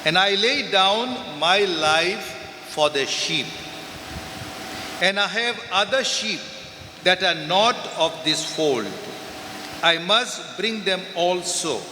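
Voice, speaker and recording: A priest with a Goan accent reads the Gospel and delivers a homily at Mass in a large church, speaking in short, measured phrases. His high, sharp voice comes through a pulpit microphone over the church speakers, with a faint hiss or hum and a long, echoing reverb.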